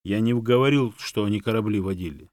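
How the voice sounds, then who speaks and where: A man's voice: lowish voice, a little fast, a little mellow, no echo, lightly acted. A man voicing a male guide dog, earnest and easily offended, who defends himself indignantly.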